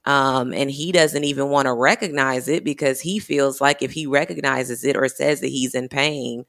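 A woman in her thirties speaks in a candid, heartfelt way about her own life. Her voice carries a steady gravelly rasp, and she fills her sentences with "you know" as she thinks aloud. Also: a bass voice, moderate pace. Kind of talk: candid personal storytelling.

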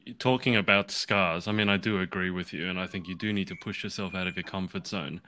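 Very bright-voiced man hosting a chat. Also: deep voice, fairly even intonation, fast talker. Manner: jokey, teasing. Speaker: interview host. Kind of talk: casual interview chat.

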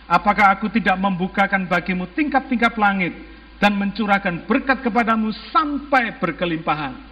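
A church pastor with an Indonesian accent exhorts his congregation emphatically, firing off rhetorical questions and mixing in English phrases. His high voice is expressive, bright and forceful, at a moderate pace. The recording is muffled with a long hall reverb.

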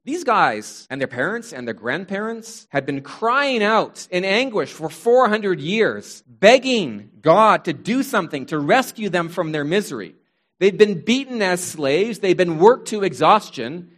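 A man's voice: sits high, fairly bright tone. A man preaching a sermon who retells a Bible story with wry, humorous asides.

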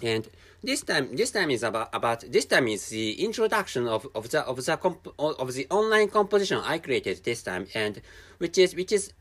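This solo podcast host, a native Japanese speaker with a Japanese accent, chats casually at home while drinking from a can. His speech is halting, with many restarts and repeated words as he looks for the right ones, and his mid-range, fairly bright voice swings widely in pitch.

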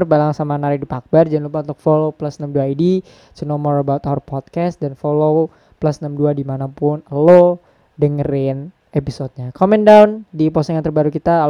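Mellow-voiced podcast host. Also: male voice, on the high side, moderate pace, no room sound, muffled recording. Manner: relaxed, mixes English phrases into casual talk. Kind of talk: casual podcast chat.

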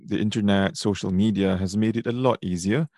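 Low-pitched Singaporean man hosting a podcast. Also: steady tone, a little fast, darkish tone, no room sound, clean studio sound. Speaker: podcast host.

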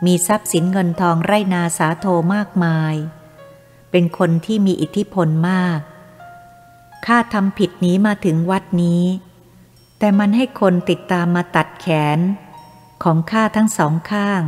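A woman voicing the vengeful spirit of a man, speaking in a gruff, growling tone of threat. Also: medium pitch, measured pace, a little mellow, lightly acted. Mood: menacing. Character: vengeful male spirit of a maimed servant, snarling. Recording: long reverb with faint music.

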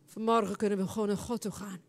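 A woman preaching and praying in a charismatic church service, speaking fervently and building into loud, impassioned prayer. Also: medium pitch, little pitch movement, fast, vocal fry. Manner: speaks in tongues between prayers.

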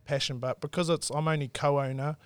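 A man's voice: fairly high pitch, fairly even intonation, fairly quick, a little hiss or hum. A man in his twenties from South Auckland with a Māori New Zealand English accent, chatting in a laid-back, earnest way as an interview guest. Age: 20s. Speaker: podcast guest, entrepreneur. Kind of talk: casual interview chat.

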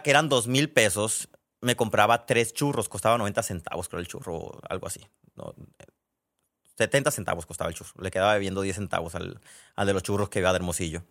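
A podcast host with a Mexican accent delivers a casual storytelling monologue, chatty and digressive, often correcting himself mid-sentence. His voice is lowish and a bit bright.

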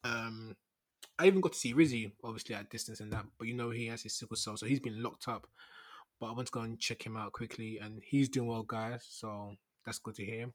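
A man's voice: medium pitch, steady tone, fairly quick. A young man with a London roadman accent and heavy street slang, chatting informally as he hosts a solo podcast. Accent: London, Multicultural London English. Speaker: podcast host. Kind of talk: casual solo podcast chat.

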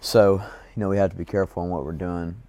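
A man with a very deep, mellow voice co-hosts a casual faith chat. He rambles loosely, leaning on fillers as he thinks aloud. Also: fairly even intonation, quick pace. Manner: rambling, full of "you know" fillers. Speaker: co-host.

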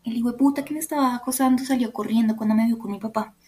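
Her delivery is rapid-fire, with a fairly high pitch and a steady, slightly mellow tone. This young Colombian podcast host with a Bogotá-area accent recounts a personal story with emotion and candor, peppering it with "como" and "o sea."

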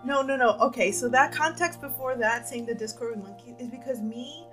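A young woman chatting casually about games with friends, telling stories in an excitable, animated way. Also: high-pitched, a little fast, faint music behind. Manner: excitable, animated storytelling with acted quotes. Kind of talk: casual chat about gaming.

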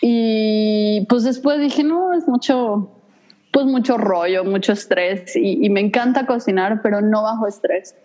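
Woman, Mexico City accent, casual chat, thoughtful, hesitant fillers, medium pitch. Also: unhurried, mellow, highs cut off. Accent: Mexico City Spanish. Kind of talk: casual conversation.

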